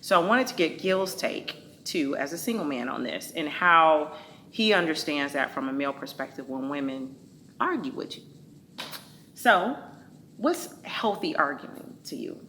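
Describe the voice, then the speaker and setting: A woman's voice: sits low, big pitch swings, measured pace, sharp tone, a little hiss or hum. A woman hosting a casual talk show, outspoken and playful, speaking. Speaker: host.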